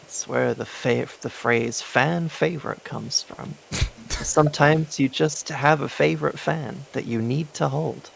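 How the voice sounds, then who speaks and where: A man's voice: mid-range voice, measured pace, vocal fry, fairly bright tone, slight background noise. A man chatting casually during a game stream, laughing often and rambling through asides. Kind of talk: casual gameplay chat.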